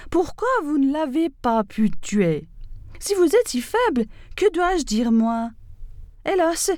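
A woman's voice: a little high, sing-song, slow pace, mellow, no room sound, studio quality. A woman voicing a sly, scheming male fox from a fable, coaxing and persuasive in manner. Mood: indignant.

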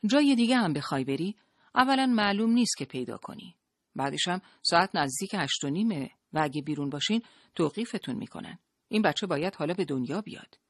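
A storyteller voicing a small, impatient, defensive woman doctor in an audiobook, speaking louder and higher than the narration, in a dry, close sound. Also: expressive, no echo. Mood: exasperated.

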